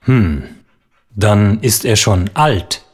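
A man's voice: fairly low pitch, animated, very slow, husky, faint music behind, exaggerated voice. A man voicing a kind older neighbour. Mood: friendly. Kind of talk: textbook listening dialogue.

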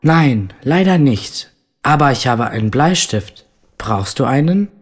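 A woman voicing a helpful schoolboy in a textbook listening dialogue, speaking slowly. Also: extremely low pitch, expressive, heavily acted. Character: schoolboy offering help to a friend.

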